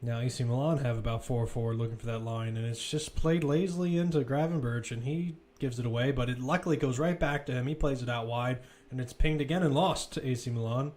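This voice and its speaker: This football commentator has a brisk, mid-range voice with a darkish tone and few pauses. He calls the live match in running present tense, using short, clipped phrases as the plays unfold.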